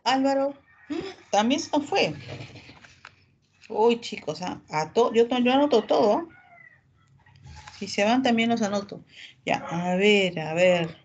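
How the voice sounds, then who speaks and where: This woman's voice is a little high, with lively intonation and a darkish tone. The audio has its highs cut off and carries a faint hiss or hum. She's a patient English teacher on a video call, calling on students in an online class and explaining slowly in mixed Spanish and English.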